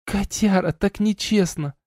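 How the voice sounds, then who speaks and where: A teasing young she-wolf woman, as a male audiobook reader puts her on, lifted well above his own dark, mellow voice. She pouts and jokes playfully. The studio sound is dry and close. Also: measured pace, dry recording. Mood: pouting. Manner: teasing, pouting, higher and softer than the narrator.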